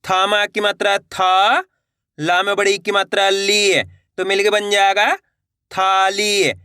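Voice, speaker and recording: Bright-voiced Hindi teacher, encouraging tone. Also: male voice, high voice, completely flat delivery, slow, smooth, no room sound, clean studio sound. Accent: Hindi (Indian). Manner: stretches each word syllable by syllable, then repeats it; encouraging, addresses viewers as friends. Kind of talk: slow word-by-word reading lesson.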